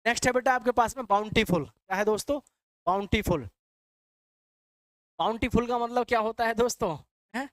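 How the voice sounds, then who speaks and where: A man's voice: very high-pitched, fairly quick, pauses often, no room sound. A male English vocabulary teacher, giving a classroom lecture. He repeats each word and quizzes his students in a call-and-answer way, calling them "beta.". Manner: addresses students as "beta" and "bachche".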